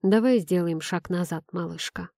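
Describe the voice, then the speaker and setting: A woman voicing a gentle middle-aged father who speaks softly and quietly to his daughter. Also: on the low side, moderate pace, creaky, dry recording, clean studio sound.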